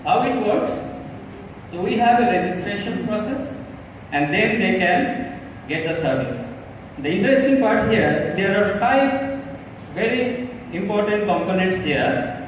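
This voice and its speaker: A man from Bangladesh presents on stage in a slightly raised voice, talking earnestly and haltingly. He is picked up from far off, with a long, echoing hall reverb and a faint hum of room ambience behind him. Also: high-pitched, expressive. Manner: earnest, halting, with frequent fillers and restarts. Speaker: startup presenter. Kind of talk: live pitch presentation.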